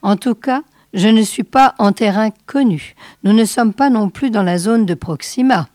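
A woman voicing a calm male spaceship commander in a storybook reading, steady and commanding. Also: medium pitch, normal speed, no room sound, studio quality, lightly acted.

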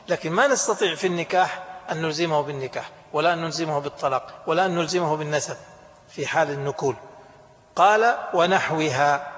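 Male lecturer, fairly high voice, fast-paced classroom teaching, echoey hall. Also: a bit bright. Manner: explains with acted dialogue and quick questions to students. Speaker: Islamic law teacher. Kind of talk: classroom lesson on jurisprudence.

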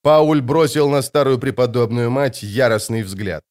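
A man narrating a novel as an audiobook reader, in a measured storytelling manner. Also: mid-range voice, darkish tone. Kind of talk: scripted literary narration.

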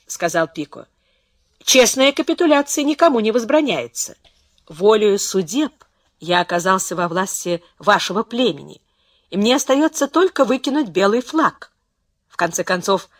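A woman reads a self-mocking young man, lying hurt but keeping his irony. The lines rise and fall in lively swings, and the recording is close and dry with no room sound. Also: medium pitch, no echo, lightly acted. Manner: wry, reflective. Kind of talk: audiobook character reading.

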